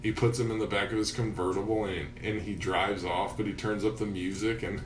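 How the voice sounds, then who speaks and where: A man's voice: lowish voice, flat delivery, brisk. Laid-back rambling guy, distant and echoey. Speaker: podcast co-host. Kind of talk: casual stoner chat. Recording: roomy echo, noisy, off-mic.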